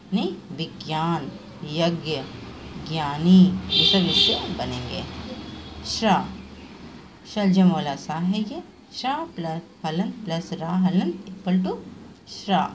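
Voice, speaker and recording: A woman teacher giving an online class lesson, explaining step by step, spelling out sounds slowly and often checking in with a rising "okay". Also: on the low side, a little hiss or hum.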